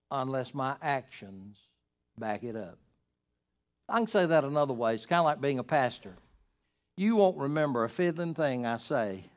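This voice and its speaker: An older man preaching a sermon as pastor, swinging between loud, emphatic lines and quiet, hushed ones. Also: medium pitch.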